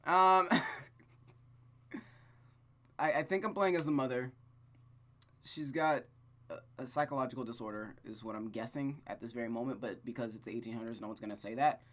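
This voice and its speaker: This let's play features a man reading a visual novel aloud and slipping into casual, rambling, self-deprecating remarks, stammering often. His mid-range voice moves at a moderate pace, is a bit bright, and pauses frequently.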